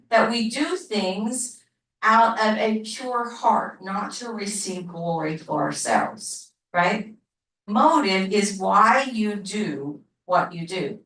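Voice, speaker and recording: A woman leads a Bible class in a slow, deliberate way. She repeats her key points and keeps asking the class questions. She is heard from some distance in a roomy church classroom. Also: medium pitch, fairly bright tone. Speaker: Bible study teacher. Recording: roomy, from off mic.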